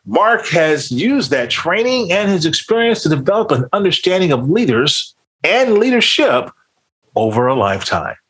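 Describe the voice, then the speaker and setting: A man's voice: fairly high pitch, very animated, normal speed, fairly bright tone, slightly rough. A man hosting a leadership podcast, reading a polished introduction and then interviewing a guest in an upbeat presenter's manner. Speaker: podcast host.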